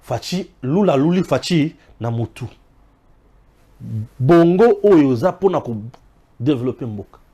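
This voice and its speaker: A man from Congo giving impassioned political commentary, preachy and emphatic, swinging between loud exclamations and low asides. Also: animated, a little slow. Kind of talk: impassioned political talk mixing French and Lingala.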